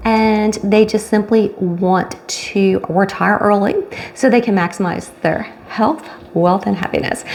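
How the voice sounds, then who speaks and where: A woman in her fifties chats straight to camera from a room at home. She is animated and talkative, rushing through asides, then slowing right down to stress a point. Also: mid-range voice. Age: 50s. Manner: chatty, animated, swings between quick asides and slow stressed phrases. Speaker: retirement vlogger and coach. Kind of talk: casual talk to camera.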